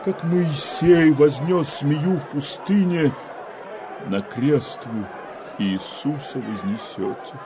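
An actor playing a stern, righteous elder who solemnly denounces a stubborn nation in declaimed verse drama. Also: male voice, fairly high pitch, takes it slowly, crowd noise, background noise. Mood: grave warning.

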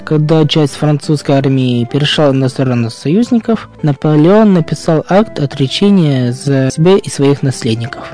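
A man's voice: on the high side, darkish tone. A man presenting a history segment, reading scripted narration as a radio host.

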